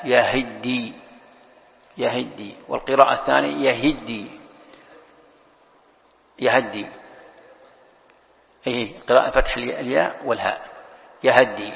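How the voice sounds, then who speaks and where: A man's voice: medium pitch, creaky. A man, a sheikh teaching Quran exegesis to a class, explaining patiently, repeating key phrases and quizzing his students. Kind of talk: classroom lecture. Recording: lo-fi lecture recording with long hall reverb.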